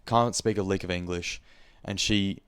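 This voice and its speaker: Deep-voiced young Australian man, frank. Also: fairly even intonation, normal speed, clear, resonant tone, dry recording. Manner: rambling, frank, swears freely. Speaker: podcast host. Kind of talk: casual reflective monologue.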